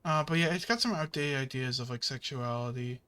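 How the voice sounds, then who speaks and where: A man's voice: medium pitch, a little fast, pushed and bright, smooth. A man chatting casually while playing a video game, rambling with many fillers and the odd curse at the game. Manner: swears at the game. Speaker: gaming channel host.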